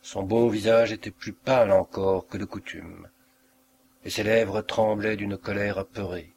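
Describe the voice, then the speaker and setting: A man reading a literary short story aloud with a measured, expressive narration. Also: on the low side, creaky, a little hiss or hum. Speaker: audiobook reader.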